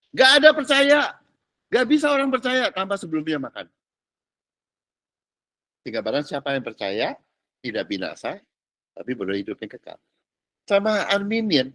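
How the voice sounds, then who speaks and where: A man preaching an informal class, his voice sitting high and jumping around a lot. He talks in chatty, teasing bursts and keeps checking that people follow. The sound is close and dry. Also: no echo. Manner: animated, colloquial, peppered with English words and "ngerti nggak?". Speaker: pastor. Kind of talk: informal teaching sermon.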